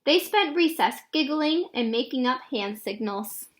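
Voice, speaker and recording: A woman reading a children's picture book aloud in an expressive storytelling style. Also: high voice, a little slow. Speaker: read-aloud narrator.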